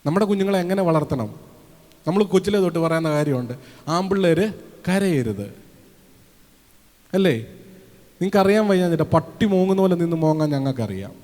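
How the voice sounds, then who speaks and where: Lively preacher in an echoing church hall. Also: male voice, a little high, fairly quick, long pauses. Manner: lively, asks the audience questions, acts out quoted voices. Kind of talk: sermon. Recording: long hall reverb.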